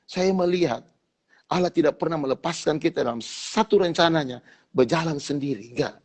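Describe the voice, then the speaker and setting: A man's voice: a little high, moderate pace, a little mellow. A man with a Manado accent, a pastor telling his testimony in an interview and often addressing listeners as brothers.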